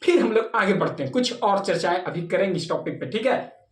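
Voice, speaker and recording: Playful maths teacher, echoey room. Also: male voice, high-pitched, expressive, fairly quick. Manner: playful, chatty, asks the class and answers in their voice. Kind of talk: classroom lecture.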